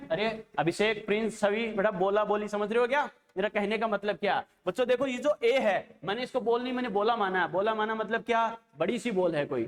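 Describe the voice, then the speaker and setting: A man with a notably high voice teaches a chemistry lesson. He talks to his students like a fond elder, calling them children and pausing every few phrases to ask whether they are following. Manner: coaxing, keeps checking understanding with rhetorical questions; addresses students fondly as children. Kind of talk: classroom lecture.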